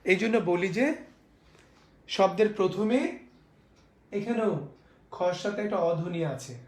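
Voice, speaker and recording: A male college teacher from Bangladesh giving a classroom lecture, repeating each rule, asking his students questions and saying example words slowly. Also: high voice. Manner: asks the class rhetorical questions. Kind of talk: classroom lecture on spelling and pronunciation. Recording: echoey room.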